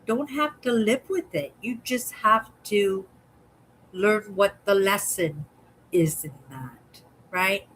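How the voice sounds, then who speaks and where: A woman in her sixties speaks slowly and thoughtfully with a fairly low voice. She muses through her thoughts and keeps checking in with a soft "right?". A faint hiss of noise sits behind her. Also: low-quality recording. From Canada. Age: 60s. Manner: musing, ends phrases with a questioning "right?". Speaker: vlogger. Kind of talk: reflective casual monologue.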